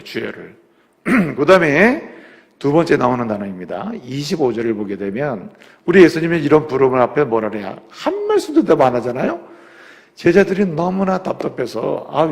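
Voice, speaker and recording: A man preaches in a church sanctuary, his voice sitting high with a rough, gravelly edge. He drops to quiet explanation, then climbs to loud, rising exhortation. Long reverb from the hall trails after his words. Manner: acts out biblical speech in quotes. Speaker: pastor. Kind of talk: sermon.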